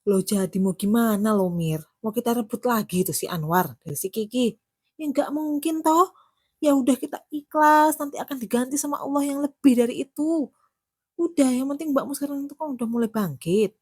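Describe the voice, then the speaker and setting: Woman doing a tired old mom in a cartoon drama, mellow and soothing, keeps saying let it go. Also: on the high side, normal speed, slightly rough, no room sound, studio quality. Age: older. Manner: weary, placating. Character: tired older mother, resigned and soothing.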